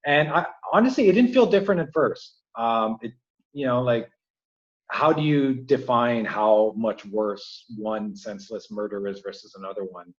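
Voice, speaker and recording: A man's voice: medium pitch, moderate pace. A man speaking as an interview guest, rambling with many fillers and restarts. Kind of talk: casual interview conversation. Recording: dull lo-fi remote audio.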